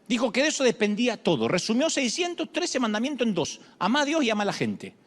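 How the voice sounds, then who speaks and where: A middle-aged man preaching a sermon, dramatic, moving from shouts to hushed lines, with humorous asides. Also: very high voice, big pitch swings, fast talker, big-room sound.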